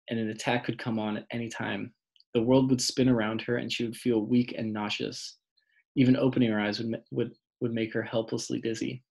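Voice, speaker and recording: A man narrating an audiobook in a measured, plain reading. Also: mid-range voice, gravelly, darkish tone, husky.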